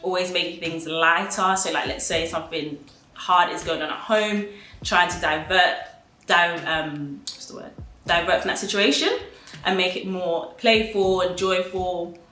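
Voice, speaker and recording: A woman's voice: lowish voice, fairly even intonation, measured pace, bright, forceful tone. A woman in her twenties, a trainee solicitor, giving a chatty, light-hearted documentary interview. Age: 20s. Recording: echoey room with faint noise.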